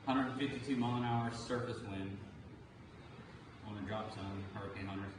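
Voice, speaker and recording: A man's voice: fairly low pitch, steady tone, normal speed. A man hosting a live storm stream, talking casually as he gives commentary on the conditions. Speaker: storm chaser livestream host. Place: on location on a Caribbean island before hurricane. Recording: distant mic, echoey, noisy ambience. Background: clear outdoor ambient noise.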